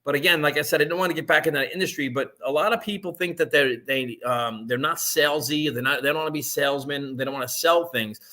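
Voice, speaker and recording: A man in his fifties gives a live-streamed sales pitch for an online business, speaking fast with few pauses. His voice is slightly high for a man, bright and forceful, and he rambles conversationally with frequent restarts and "right?" checks.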